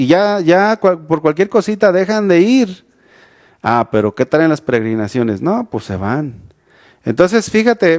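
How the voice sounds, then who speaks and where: A man's voice: sits high, a little mellow. A man with a Mexican accent preaching a youth sermon, talking casually with many restarts and rhetorical questions. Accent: Mexican Spanish. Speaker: youth pastor. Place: church, streamed online.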